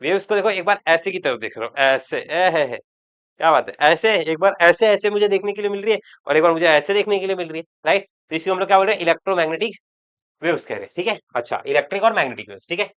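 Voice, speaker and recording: A man's voice: high voice, lively intonation, fast, a bit bright, clear, resonant tone. A man teaching chemistry in an online lecture, chatty and joking with students, repeating words for emphasis. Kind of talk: online exam-prep lecture.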